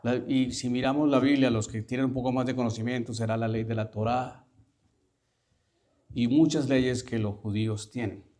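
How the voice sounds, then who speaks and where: A male priest giving a sermon, asking the congregation questions and repeating lines slowly for emphasis. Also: medium pitch, steady tone, warm tone. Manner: questioning the listeners, slow emphatic reading.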